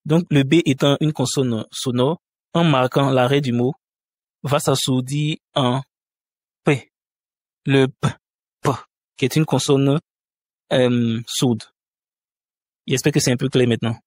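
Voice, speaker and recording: A man's voice: mid-range voice, fairly even intonation, darkish tone, dry recording. Patient man teaching pronunciation, dry sound. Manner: patient, repeats example words slowly, frequent hesitations. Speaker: language teacher. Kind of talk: spoken lesson explaining pronunciation.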